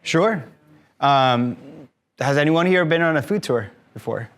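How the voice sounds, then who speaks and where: A man in his thirties from Mexico, a tour company owner, speaks as a guest to a live audience in a room. His voice sits on the high side, animated and a bit bright, and he talks a little slowly. His tone is friendly and explanatory, with frequent fillers, in a conversational style, and there is slight background noise.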